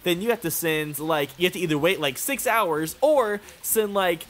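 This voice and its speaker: This gaming video co-host has a high-pitched, somewhat bright voice with lively intonation and a moderate pace. Talking loosely as he plays, he wanders from thought to thought, leans heavily on "like," and curses at times, with gameplay audible behind him.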